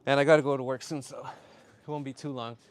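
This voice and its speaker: A man's voice: mid-range voice, little pitch movement, fairly quick. A man chatting casually on a workout livestream in a slangy, upbeat way. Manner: upbeat shout-outs to viewers, slangy. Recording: clearly noisy live stream with clicks.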